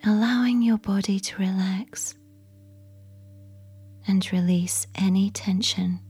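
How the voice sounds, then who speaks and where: Female narrator, soft ASMR whisper for a sleep story, slow and mellow, a bit breathy. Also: mid-range voice, steady tone, soft background music.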